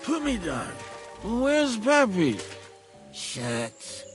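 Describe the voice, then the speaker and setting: Hurt game woodsman, gravelly, raspy, high-pitched, lively, blunt and bossy. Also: drawn-out words, over music, exaggerated voice. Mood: worried, sharp. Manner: blunt, curses, barks orders. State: hurt and short of breath. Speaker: video game character.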